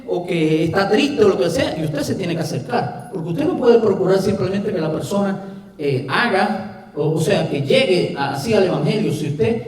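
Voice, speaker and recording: A man's voice: high-pitched, a little mellow. A middle-aged man with a Cuban Spanish accent, preaching a sermon in a conversational way with rhetorical questions. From Cuba. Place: church hall. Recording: echoey hall from far off.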